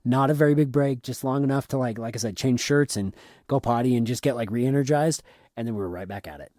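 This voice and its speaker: A man co-hosting a podcast, chatting casually and excitedly about a theme park trip, often repeating words. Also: mid-range voice, fast, no echo, studio quality. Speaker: podcast co-host. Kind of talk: casual trip recap chat.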